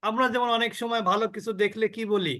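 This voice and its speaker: A man teaching an online recitation class, drawing out each sound slowly and quizzing his students. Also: high voice, steady tone, pushed and bright. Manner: slow drawn-out demonstrations of sounds, asks the class questions.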